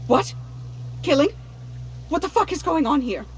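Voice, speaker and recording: Nervous, pleading woman, high-pitched. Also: lively intonation, unhurried. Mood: alarmed, defensive. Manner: nervous, pleading, stammering informant. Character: frightened young woman mapmaker pleading for her life. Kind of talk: video game voice acting.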